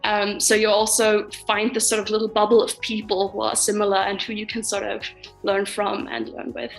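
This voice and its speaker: A woman's voice: medium pitch, monotone, normal speed, gravelly, soft background music, rough recording. A woman in her twenties, a master's student, talking casually about her studies with frequent ums and likes. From Finland and Germany. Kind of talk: casual interview talk.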